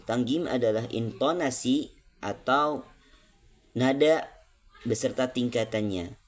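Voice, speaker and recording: A young man from Indonesia, a student presenting a lesson, explaining step by step and repeating example phrases slowly. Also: mid-range voice. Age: young adult. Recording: music playing clearly behind.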